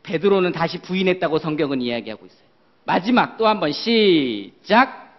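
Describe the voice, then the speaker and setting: A man preaches to children with a high, very lively voice that swoops up and down. He keeps asking the kids questions and sets up little role-plays. The sound is dull and lo-fi, like an old church recording. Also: moderate pace. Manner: animated, questions the children often. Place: church worship hall.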